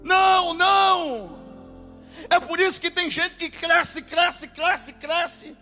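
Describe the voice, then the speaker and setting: A man with a Brazilian Portuguese accent preaching a sermon as pastor, impassioned and bursting into shouted exclamations. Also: very high voice, slow. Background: faint music.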